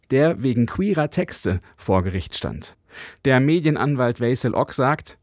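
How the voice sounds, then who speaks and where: A male foreign correspondent reading a radio news report in a clear, measured way. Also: medium pitch, darkish tone, no room sound, studio quality.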